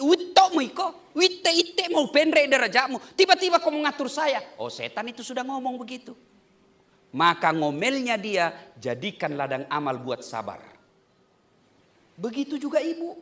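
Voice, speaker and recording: Lively high-voiced male preacher. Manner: animated, joking, rhetorical questions. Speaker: Islamic preacher. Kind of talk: humorous wedding sermon to a live audience.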